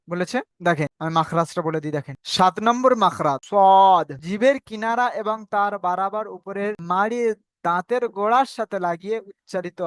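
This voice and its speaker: A man's voice: sits high, a bit bright, dry recording. Man drilling Quran pronunciation online. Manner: patient, repetitive drilling, spells out sounds slowly. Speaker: Quran recitation teacher. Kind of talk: online class teaching. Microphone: video call.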